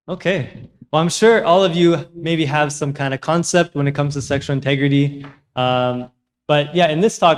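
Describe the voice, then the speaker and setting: An American man, a native English speaker, giving a public talk through an interpreter, mixing English with halting American-accented Spanish. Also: a little high. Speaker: guest speaker at a youth seminar.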